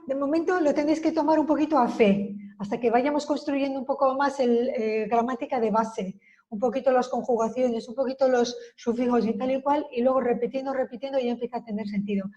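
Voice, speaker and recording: A woman teaching a beginner Basque lesson in Spanish, slowly spelling out and repeating example phrases. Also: on the high side, dark tone, dull audio. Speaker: language teacher.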